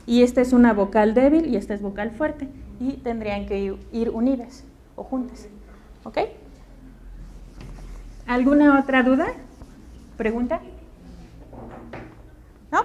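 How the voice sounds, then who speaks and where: A woman's voice: a little high, a little slow, long pauses, mellow, lo-fi sound, slight background noise. A woman teacher with a Mexican Spanish accent lecturing a class in a classroom, patient and checking understanding with questions.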